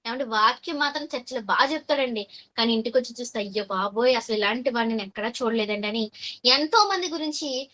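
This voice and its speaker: A woman preaching a sermon, asking her listeners questions and answering them, and reading verses slowly. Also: on the high side, expressive, pushed and bright. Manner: reads verses slowly and deliberately.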